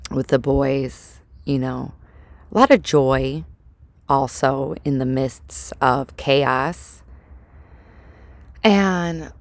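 A woman with a low voice talks slowly and casually, as if guiding a friend through a moment of reflection. She poses direct questions and leaves pauses for breathing. The sound is very dry and enclosed, recorded inside a small closet at home. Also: gravelly, no room sound. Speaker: host of a personal solo recording for women and mothers. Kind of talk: casual reflective monologue, motivational.

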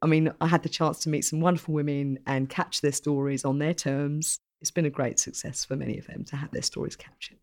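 A woman's voice: low-pitched, level tone, a little fast, hardly any pauses, a little mellow. A middle-aged woman from Essex, speaking reflectively and earnestly in an interview, repeating phrases for emphasis. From Essex, England. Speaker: podcast guest, journalist and army reservist.

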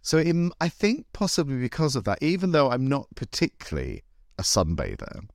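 A man's voice: medium pitch, sing-song, normal speed, dry recording, clean studio sound. A man hosting a casual chat in a camp, wry, rambling and self-deprecating way. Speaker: host. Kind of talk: casual, chatty podcast conversation.

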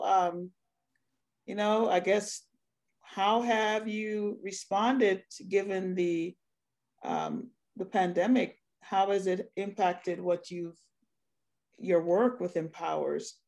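A woman's voice: medium pitch, creaky, a little mellow. Encouraging woman interviewer. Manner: encouraging, rambling questions with restarts. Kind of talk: interview questions.

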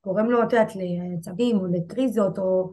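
A woman in her twenties telling a painful personal story as an interview guest, halting and repeating herself. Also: mid-range voice, dark tone. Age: 20s. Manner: halting, repeats herself, voices rise and fall with emotion.

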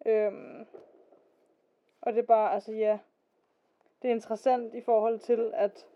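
A woman's voice: on the high side, flat delivery. A woman co-hosting a casual podcast, mostly answering with short replies. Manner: listening with short backchannels. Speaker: podcast co-host. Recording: tinny phone-like podcast recording.

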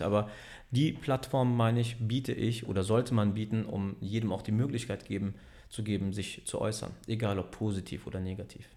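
Speaking with a fairly low pitch and a darkish tone, a business owner who heads a team chats loosely in an interview. His talk wanders and doubles back on itself, punctuated again and again by "ne?" tags.

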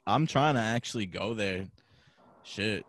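Young male host, slangy and loose, low voice, dry close sound, video call. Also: a little slow, a bit bright, no echo. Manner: slangy, loose, swears casually. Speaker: interviewer, podcast host. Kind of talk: casual interview chat.

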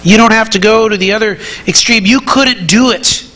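A man preaching a sermon to his congregation, earnest and conversational, often repeating words as he builds to emphatic high peaks. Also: normal speed, bright, forceful tone, slight background noise. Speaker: pastor.

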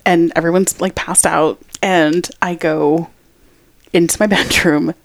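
A woman co-hosting a podcast, telling a story in casual chat with lots of swearing and animated retelling. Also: fairly low pitch, measured pace, gravelly. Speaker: podcast co-host.

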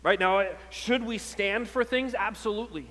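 A pastor with a high-sitting, sharp-toned voice speaks at a normal speed, urging his congregation earnestly, asking rhetorical questions, and often repeating himself. Long hall reverb colors the sermon audio.

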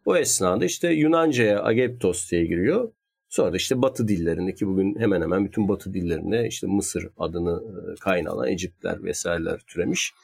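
A man's voice: low voice, animated, a little fast, vocal fry, a little mellow, breathy edge. A man in casual conversation, explaining history at length in a thoughtful, hedging way. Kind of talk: casual chat.

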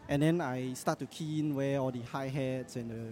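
A Singaporean man hosts a casual podcast while out in a public place, sprinkling his informal talk with Singlish particles. His voice is medium-pitched, steady and slightly mellow, at a normal speed, with busy crowd noise around him.

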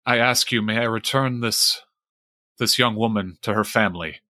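An earnest, courteous guardsman on a quest role-played by a man at a tabletop game. His voice is lowish and forceful, close and dry, with formal, deliberate wording. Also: no echo. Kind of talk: in-character tabletop role-play.

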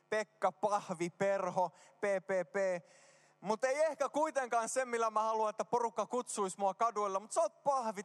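A man preaching a casual, joking sermon in a church, mixing slang with prayer. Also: high voice. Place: church hall. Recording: reverberant hall.

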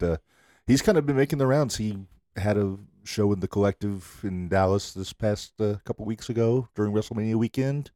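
A man co-hosting a wrestling podcast in casual chat, eager and quick to agree. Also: lowish voice, dark tone, no echo, studio quality. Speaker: podcast co-host.

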